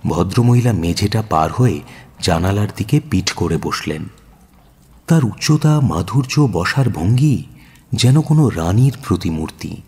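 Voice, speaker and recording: An actor playing a detective's earnest companion, narrating a radio drama in a measured, expressive, descriptive way. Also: male voice, fairly low pitch, slightly rough, heavily acted. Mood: measured storytelling. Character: Doctor Watson, earnest male companion narrating detective tale. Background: music.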